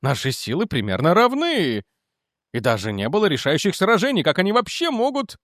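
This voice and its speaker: A man's voice: high-pitched, wildly swooping pitch, brisk, fairly bright tone, dry recording, studio quality, voice pushed up, heavily acted. A man voicing an officious government representative who presses demands and questions. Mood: indignant demanding.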